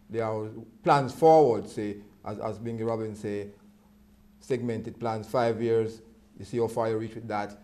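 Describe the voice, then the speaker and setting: A man with a mellow, relaxed voice, reasoning in Rasta speech. He teaches in an earnest, preachy way, deliberate and sometimes repeating himself. There is some ambient noise behind him. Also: mid-range voice. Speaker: interviewee, Rastafari speaker.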